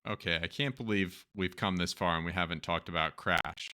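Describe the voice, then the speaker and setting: Speaking at a normal speed in a low-pitched voice with a bright, forceful tone, a Turkish-accented man hosts a show. He reads news stories aloud and follows them with chatty, joking asides.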